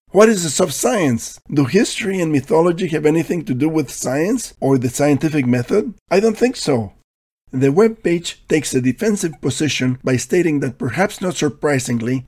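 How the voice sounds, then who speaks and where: A man's voice: on the high side, a little mellow, slightly rough. A man reading scripted commentary in a dry, questioning, critical manner.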